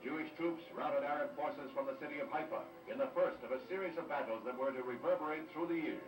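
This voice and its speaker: A man's voice: a little high, fast talker. A man narrating an old newsreel in a dramatic announcer manner, played back from an archive clip. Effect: old newsreel soundtrack played back. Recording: distant echoey old newsreel with music. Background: newsreel music.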